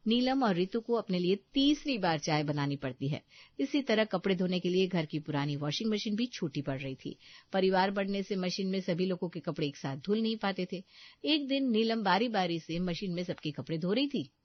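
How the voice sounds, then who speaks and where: A woman giving scripted narration of a cartoon family story in an even storytelling manner. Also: mid-range voice, moderate pace, dry recording, muffled recording.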